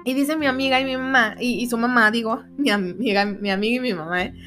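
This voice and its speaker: A woman's voice: on the high side, quick pace, faint music behind. Chatty Mexican woman telling a story. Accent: Mexican Spanish. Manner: chatty, animated retelling with frequent tag questions and self-corrections. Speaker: podcast host. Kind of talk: casual spiritual storytelling.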